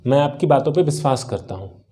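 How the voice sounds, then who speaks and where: Indian accent वाला एक पुरुष अंग्रेज़ी शिक्षक, जो हिंदी में अंग्रेज़ी पढ़ाता है, बार-बार सवाल पूछकर ख़ुद जवाब देता है और मुख्य शब्द दोहराता है।. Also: male voice, medium pitch, lively intonation, fairly quick, warm tone. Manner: asks questions and answers them himself, repeats key words. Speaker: English teacher. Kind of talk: spoken English lesson in Hindi.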